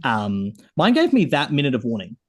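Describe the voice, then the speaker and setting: A man's voice: medium pitch, huge pitch swings, normal speed. A man hosting a casual podcast chat, rambling with lots of fillers. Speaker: podcast host.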